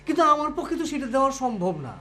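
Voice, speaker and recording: An actor playing a boastful, lecturing suitor in a comedy TV drama. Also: male voice, extremely high pitch, expressive, rapid-fire, pushed and bright, slight background noise, exaggerated voice. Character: boastful suitor, self-important and smooth.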